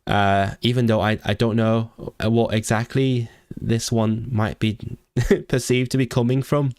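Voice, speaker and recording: A man from Hong Kong with a vague non-southern English accent, chatting casually on a language-learning livestream as he reads out comments, rambling, restarting words and jumping up in pitch when excited. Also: a little slow, no echo, clean studio sound.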